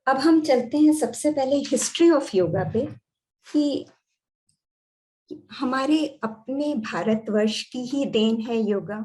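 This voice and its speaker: A woman doctor with an Indian accent gives a calm teaching talk. She explains step by step and slips between Hindi and English phrases. Her voice sits slightly high. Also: slow. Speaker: doctor and yoga therapy teacher. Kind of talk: lecture.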